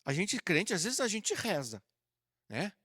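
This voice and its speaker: A man's voice: high-pitched, sing-song, a little slow, husky, no echo, studio quality. A man preaching a sermon as pastor, speaking to the congregation in a familiar, conversational way and acting out sample prayers. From southern Brazil. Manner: conversational preaching that addresses listeners warmly and acts out sample prayers. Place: church auditorium.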